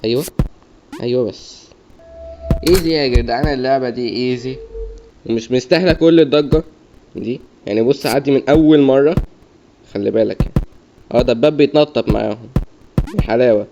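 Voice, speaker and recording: Egyptian gamer muttering to himself. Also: male voice, mid-range voice, brisk, long pauses. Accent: Egyptian Arabic. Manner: mutters coaching to himself, repeats words. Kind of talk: gaming commentary. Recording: dull lo-fi mic, faint noise.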